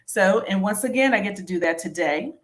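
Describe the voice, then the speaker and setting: A woman's voice: mid-range voice, expressive, brisk. A woman hosting a casual interview in an effusive, encouraging way. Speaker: interview host.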